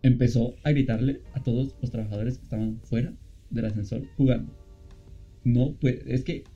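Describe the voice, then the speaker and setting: A man's voice: normal speed, highs cut off, faint music behind. A man co-hosting a podcast, chatting casually and laughing often as he tells a story. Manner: storytelling, laughs often, rising pitch when excited. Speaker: podcast co-host. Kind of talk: casual chat.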